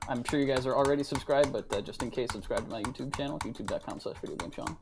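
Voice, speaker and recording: A man's voice: medium pitch, rapid-fire. A man guesting on a comedic podcast, talking in a mock-earnest, dry, self-promoting way. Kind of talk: casual comedic podcast chat.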